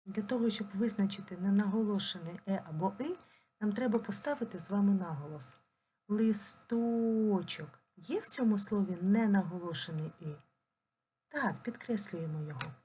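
A woman teaching a primary school language lesson, dictating slowly and clearly and drawing words out syllable by syllable. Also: mid-range voice, lively intonation, mellow, a little hiss or hum. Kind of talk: recorded online lesson.

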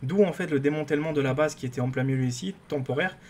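A man giving casual, rambling commentary on his game, excitable and full of fillers and restarts. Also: a little high, fast, a little hiss or hum. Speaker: gaming YouTuber.

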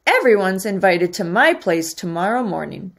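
A woman's voice: medium pitch, sing-song, normal speed, gravelly. A woman reading aloud, voicing an adventurous, chatty woman visitor with a folksy manner. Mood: amused.

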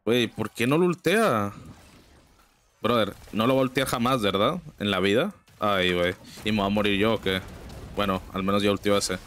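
A young man with a Mexican accent gives casual, slang-filled commentary over his own gameplay, breaking into sudden high exclamations and griping about teammates. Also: steady tone, fairly quick, a bit bright, slight background noise. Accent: Mexican Spanish. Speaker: gaming streamer.

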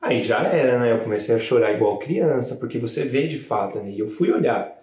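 A man, a new father, telling the story of his child's birth in a casual, animated way to camera. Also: medium pitch, fairly quick, roomy sound. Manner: chatty, animated retelling with frequent "né" tags.

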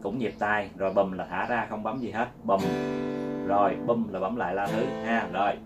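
A man giving a casual guitar lesson, talking in a chatty, repetitive way and counting strum patterns out loud. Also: lowish voice, fairly even intonation, moderate pace, lo-fi sound. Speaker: guitar teacher. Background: loud guitar playing.

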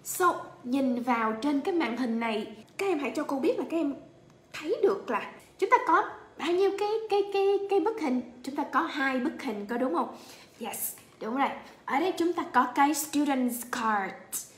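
A woman with a Vietnamese accent teaching English to children, speaking slowly and repeating words so pupils can echo them. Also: sits high, lively intonation. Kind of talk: bilingual lesson for children.

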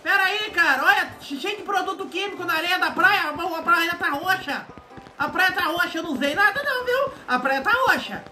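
Game role-play: a squeaky, bright, hysterical homeowner, panicked and pleading. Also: male voice, animated, normal speed, soft background music, full character voice. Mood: frantic. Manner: panicked, whiny, pleading shouts. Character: frantic shouting man, house on fire, face tattoo. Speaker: streamer playing a role-play game character.

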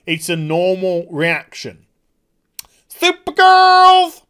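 A man's voice: high voice, measured pace. A man giving a casual, swear-filled review of a TV episode and acting out the scenes as he goes. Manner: animated, swears freely, acts out scenes in put-on voices. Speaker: TV show reviewer.

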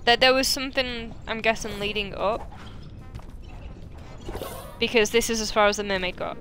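A woman giving casual live gameplay commentary, chatty and excitable, thinking aloud as she plays. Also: fairly high pitch, moderate pace, slight background noise. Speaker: game streamer. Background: loud game music.

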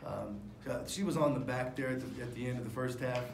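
A man's voice: mid-range voice, fairly quick, gravelly. A man in his forties, a head basketball coach at a postgame press conference, talking candidly and rambling through fillers and restarts into table microphones. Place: press room in front of a sponsor backdrop. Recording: echoey room with faint noise.

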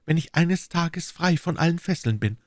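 Male reader doing a young secretive woman, urgent and pleading, raised pitch, lively. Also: moderate pace, dry recording, studio quality, lightly acted. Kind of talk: audiobook reading.

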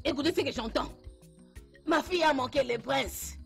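Woman playing a mother, high-voiced, shouting praise, jubilant, light music behind. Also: normal speed, vocal fry. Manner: loud exclamations, praising God. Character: jubilant mother overjoyed at daughter's engagement. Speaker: mother of the bride-to-be. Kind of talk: dubbed film acting.

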